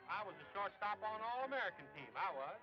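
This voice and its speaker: A man's voice: high voice, big pitch swings, fast talker. An actor playing a dopey, boastful man who blusters in a bellow, in an old 1930s film serial. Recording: dull old film soundtrack with music.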